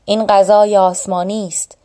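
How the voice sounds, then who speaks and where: A woman's voice: medium pitch, level tone, mellow, lightly acted. A woman reading the lines of an aging, weary male hero in a storybook tale, in a sober, resigned way. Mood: grave.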